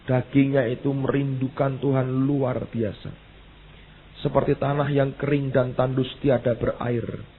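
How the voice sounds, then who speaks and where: A male pastor preaching an emphatic sermon, repeating exclamations and reading verses slowly. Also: medium pitch, flat delivery. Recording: tinny phone-like sound with faint hiss.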